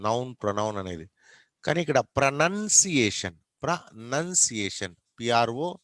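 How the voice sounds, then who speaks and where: A man's voice: medium pitch, a bit bright, no echo. A man with a Telugu accent lecturing an online class, mixing Telugu and English, questioning students and spelling words out letter by letter.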